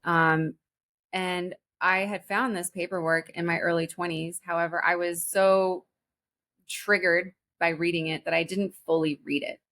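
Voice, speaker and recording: A woman in her forties, a podcast guest telling a personal story in an earnest, halting way with many restarts. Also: fairly low pitch, flat delivery, fairly bright tone. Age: 40s. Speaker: guest, spiritual teacher.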